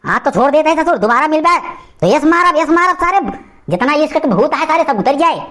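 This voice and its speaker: A woman voicing an angry old male village uncle in an animated cartoon comedy, ranting and scolding in an Awadhi accent. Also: high voice, fairly quick. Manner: loud scolding, cursing rant.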